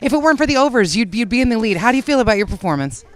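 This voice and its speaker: A woman's voice: on the high side, big pitch swings, very fast. A woman working as a sideline reporter, doing a casual live sports interview in an encouraging, consoling way.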